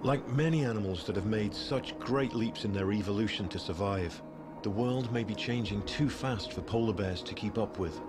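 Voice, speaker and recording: A man narrates a nature documentary in a lower-pitched voice. His scripted delivery is measured and tells a story, with music clearly playing underneath. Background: background music.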